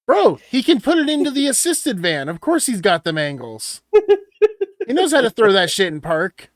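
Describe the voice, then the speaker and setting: A young man co-hosting a casual podcast stream, talking loudly and excitably with plenty of swearing. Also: high-pitched, moderate pace, dry recording, studio quality. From Washington State. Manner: loud, excitable, profane. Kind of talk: casual banter.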